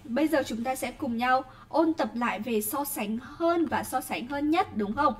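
A woman with a Vietnamese accent teaches an English class online in a high voice. She pronounces English words slowly and deliberately, then speeds up when she explains. She keeps checking in with her students as she goes. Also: expressive.

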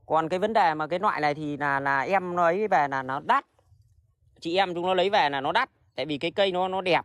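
Man, high voice, rapid rambling livestream chat, blunt and swearing, dry close sound. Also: a bit bright, no echo. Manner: blunt, rambling, swears freely, many restarts. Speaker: livestream host selling plants.

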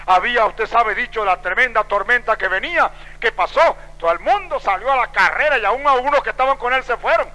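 A man preaching a sermon in a church, telling stories with drama and acting out the voices of the people in them, moving between loud exclamations and hushed low passages. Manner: dramatic storytelling, acts out quoted voices. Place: church sanctuary. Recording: long hall reverb.

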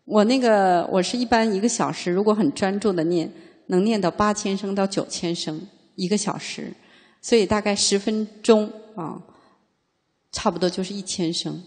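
Husky-voiced woman teaching in a reverberant hall. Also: mid-range voice, darkish tone. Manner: reads a classical passage slowly, then explains it in plain speech; chatty, frequent "啊" fillers and rhetorical questions. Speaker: Buddhist teacher. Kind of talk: dharma lecture, explanatory and conversational.

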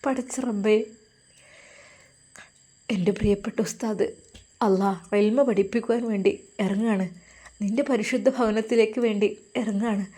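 A woman's voice: medium pitch, steady tone, normal speed, pauses often, dark tone, slightly rough, close to an everyday voice. A woman voicing a devout young woman, tearful and praying in an audio story. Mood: heartbroken. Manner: tearful, prayerful.

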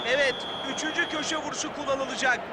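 A man playing an excitable football commentator in a video game, calling play in short punchy phrases and screaming at goals. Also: extremely high pitch, fast. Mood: screaming, thrilled. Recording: loud stadium crowd roar and noise. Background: roaring football crowd.

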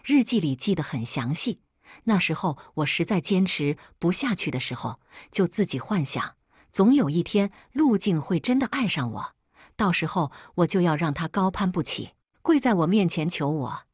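Woman reading a bitter first-person story, low husky voice, dry close sound. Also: very animated, moderate pace, no echo. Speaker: story narrator. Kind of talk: first-person audiobook narration.

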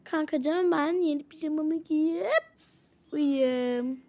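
Playing all the characters herself, this channel host switches voices in a casual doll role-play game, with frequent exclamations. She speaks slowly in a high-pitched, slightly mellow voice.

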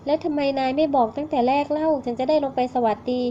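A woman's voice: high voice, steady tone, quick pace, warm tone, slight background noise, natural voice. A woman voicing a petulant, hot-tempered young male actor in a storybook reading, on a slightly muffled recording. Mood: indignant. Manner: petulant, complaining.

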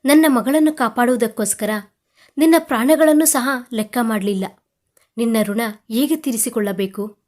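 A man's voice: very high-pitched, moderate pace, darkish tone. A woman voicing a middle-aged father who thanks a young man with emotion, in a romantic audio story. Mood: grateful. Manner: emotional, grateful.

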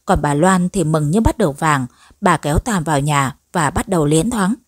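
A woman narrating a scripted story in an even, measured way. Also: low voice, no echo, studio quality.

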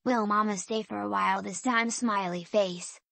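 A woman's voice: mid-range voice, steady tone, moderate pace, vocal fry, close to an everyday voice. A woman voicing cheeky livestream fans, reading their donation messages aloud.

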